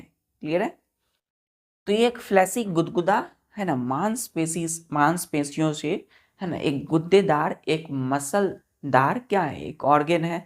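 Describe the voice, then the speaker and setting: A woman with an Indian accent teaching a school science class, spelling words letter by letter and often checking that the children understand. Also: low voice. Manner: patient, repeats and checks with "clear?".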